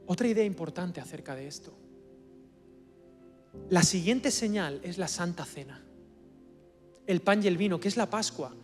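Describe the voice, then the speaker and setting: Guest preacher, Spain-accented man, high voice, swings between hushed and loud, soft music under. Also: lively intonation, normal speed, long pauses. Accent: Spanish from Spain. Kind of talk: sermon. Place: church service.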